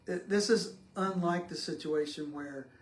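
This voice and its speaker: Slow, halting man in an echoey room. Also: on the high side. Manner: slow and halting, many ums. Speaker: Bible study leader. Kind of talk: casual Bible study discussion. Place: church room. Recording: echoey room with faint noise.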